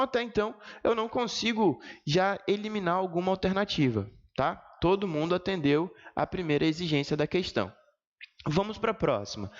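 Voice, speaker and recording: A male Brazilian Portuguese teacher explains exam questions to his students, often pointing things out with "ó" and drawing out syllables to show where the stress falls. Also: high voice. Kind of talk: exam-prep lesson explanation. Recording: reverberant room, dull lo-fi sound.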